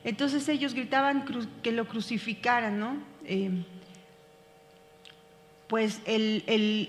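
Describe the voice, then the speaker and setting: A woman's voice: a little high, in a large hall. Woman teaching a Bible class. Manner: slow and deliberate, many fillers and restarts. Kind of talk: Bible reading and class commentary.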